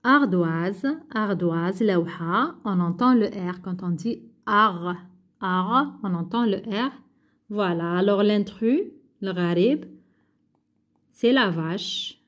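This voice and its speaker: A woman, a primary school teacher going through a workbook, who talks slowly and patiently, repeats each word and translates it into Arabic. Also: mid-range voice. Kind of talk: workbook lesson.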